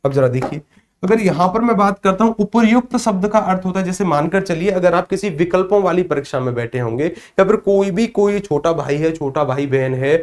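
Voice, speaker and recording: A man with a somewhat high voice teaches a spoken grammar lesson. He keeps asking the class a question and then answering it himself. When he shows pronunciation, he sounds out the letters one by one, slowly. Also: expressive. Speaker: Hindi teacher.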